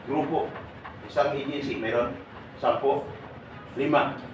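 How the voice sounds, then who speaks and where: A man's voice: medium pitch, steady tone, unhurried. Joking man quizzing a seminar crowd. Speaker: seminar speaker for departing overseas workers. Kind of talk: lively seminar talk to an audience. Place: large hall with an audience. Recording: echoey hall, mic far off, noisy.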